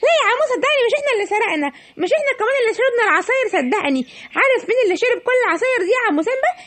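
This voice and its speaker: A woman's voice: very high voice, expressive, rapid-fire, a bit bright. A woman with an Egyptian accent voicing a greedy, cheeky young male thief in a children's cartoon, pleading innocence. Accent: Egyptian Arabic.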